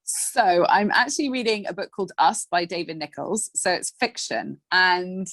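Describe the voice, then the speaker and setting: A woman's voice: fairly low pitch, normal speed, dry recording. A woman guest on a podcast interview, chatting casually and animatedly about her life and work. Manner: chatty, animated, acts out little scenes. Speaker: guest coach.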